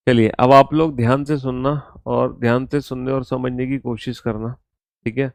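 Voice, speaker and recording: Slow gravelly male teacher dictating. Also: medium pitch, fairly even intonation, a little mellow, no echo. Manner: calls students "beta", slow dictation with repeated instructions. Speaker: reasoning teacher. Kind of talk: online exam-prep class.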